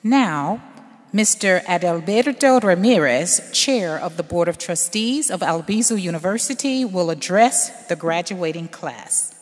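Ceremony emcee, woman, gracious introductions, lower voice, echoing auditorium. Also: lively intonation, unhurried. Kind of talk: formal ceremony hosting. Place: large auditorium stage. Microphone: podium microphone. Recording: long hall reverb.

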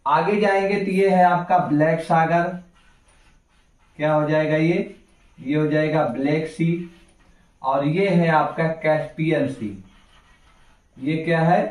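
A man teaching an exam-prep geography lesson, going slowly over names on a map and asking his students to repeat them back. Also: on the high side, darkish tone. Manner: slow, repeats names and quizzes the class. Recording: echoey room, voice from far off.

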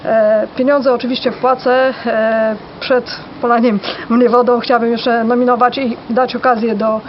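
A woman with a Polish accent speaking unscripted to the camera in a halting, hesitant way with many pauses. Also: on the high side, flat delivery. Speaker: charity challenge participant. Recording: dull lo-fi audio, faint background noise.

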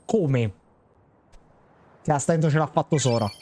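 Slightly high, mellow-voiced young male streamer. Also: measured pace, slight background noise. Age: young adult. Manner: playful, slangy, reads game dialogue aloud. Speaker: game streamer. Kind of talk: casual live game commentary, chat with viewers. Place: indoor room. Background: game music.

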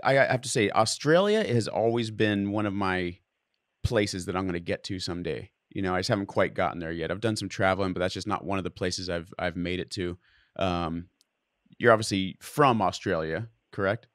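A man's voice: low-pitched, a little fast, fairly bright tone, no room sound, clean studio sound. A man with a Texan accent hosting a podcast, chatty and laughing along as he asks rambling questions. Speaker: podcast host. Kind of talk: casual chat.

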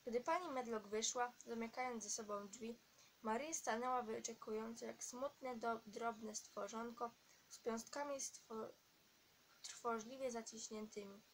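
A woman narrating an audiobook at a steady reading pace, now and then stumbling and restarting a word. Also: fairly high pitch, a little slow, slight background noise. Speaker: audiobook reader.

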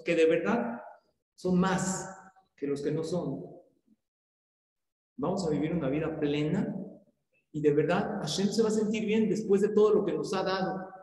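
A man, a rabbi giving a Torah lecture as a lively storyteller who acts out the voices. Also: a little high, a little hiss or hum. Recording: very echoey hall.

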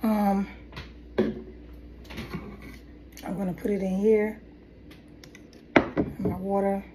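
Coughing from a head cold, a middle-aged hair vlogger talks very slowly and flatly in a mid-range voice. She rambles through a casual tutorial at her kitchen table at home, restarting as she goes. Her phone camera on the table picks up heavy background noise.

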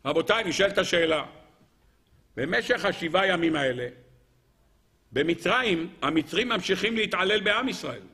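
This man is a rabbi teaching Torah in an animated style; his voice is high and he takes long pauses. He asks rhetorical questions and addresses his listeners head-on.

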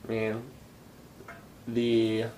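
Young dude w/ a lowish voice reviewing stuff casually, into it, faint noise behind him in a garage. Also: male voice, monotone, drawn-out words, dark tone. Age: young adult. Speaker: hookah reviewer. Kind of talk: casual product review chat. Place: garage workshop, indoors. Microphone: camera a few feet away. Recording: faint background room noise.

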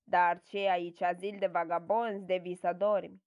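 A woman doing a gruff, scornful town porter. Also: fairly low pitch, level tone, muffled recording, voice pushed down, natural voice. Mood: scolding. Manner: scolding, mocking.

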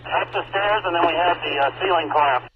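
A man's voice: fairly high pitch, brisk. A man reporting fire conditions urgently as a firefighter over the radio. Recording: muffled, very noisy radio.

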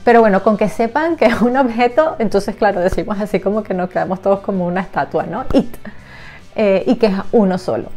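A woman English teacher for young children, explaining a classroom game in a casual, lively way and acting out sounds and children's voices. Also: mid-range voice, fast, hardly any pauses. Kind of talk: casual explanatory lesson to camera.

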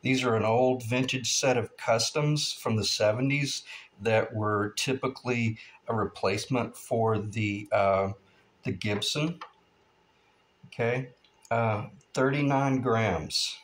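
At his workshop bench, a man in his fifties gives a relaxed, meandering tutorial on building guitars, peppered with lots of "uh"s. His voice sits in the middle range and he speaks slowly.

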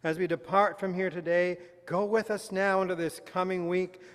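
A man's voice: sits high, fairly even intonation, normal speed, big-room sound. Reverent man leading a church service. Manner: earnest, reverent spoken prayer. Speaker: officer leading worship. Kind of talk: leading congregational hymn and prayer. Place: large church hall with congregation. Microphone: far camera at back of hall. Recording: loud brass music over voice. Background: brass band and congregation singing.

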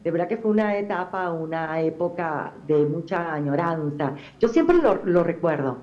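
A woman's voice: fairly low pitch, normal speed, highs cut off. A middle-aged woman with a Venezuelan accent tinged with Argentine sounds, chatting expressively as a guest in a TV interview. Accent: Venezuelan, with some Argentine touches. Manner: chatty and expressive, many fillers. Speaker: telenovela actress, guest.

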